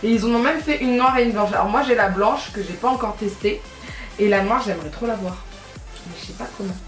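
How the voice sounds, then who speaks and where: A woman's voice: medium pitch, brisk. Chatty french beauty vlogger lady, rambles and corrects herself a lot, roomy echo, bit far from mic, faint music behind. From France. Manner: rambling, self-correcting, chatty with many fillers. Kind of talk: casual makeup tutorial chat.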